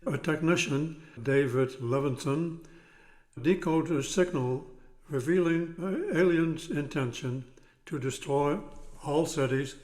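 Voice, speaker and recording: An elderly man in his nineties reads out a film summary he has prepared. His voice sits a little high for a man, and he moves through it very slowly, pausing between short phrases. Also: a little mellow. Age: 90s. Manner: slow, halting delivery in short phrases. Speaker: guest summarizing a film plot.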